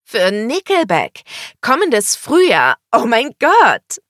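A woman voicing an excitable, teasing young woman in a storybook, her lines raised and loud. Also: moderate pace, no echo, studio quality. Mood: thrilled. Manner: high, loud, exclaiming.

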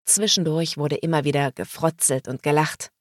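A woman reading a novel aloud as audiobook narrator, in slow, even storytelling. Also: sits low, no room sound, clean studio sound.

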